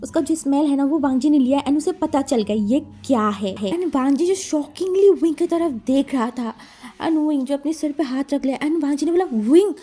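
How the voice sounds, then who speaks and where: High-voiced woman narrating casually. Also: normal speed, mellow. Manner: chatty, mixing English words in. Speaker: storyteller. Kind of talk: casual fan-fiction storytelling.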